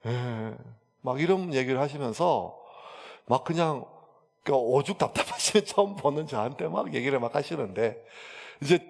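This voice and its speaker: Male pastor, mid-pitched, folksy sermon storytelling, long church reverb. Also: expressive, normal speed, creaky. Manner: chatty storytelling with many fillers. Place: church sanctuary.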